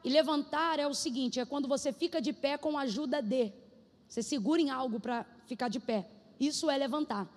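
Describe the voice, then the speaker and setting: A woman preacher from Brazil delivers a sermon in a very high voice. She shifts between shouted prophetic declarations and relaxed, conversational storytelling. Long reverb trails after her words in the church hall.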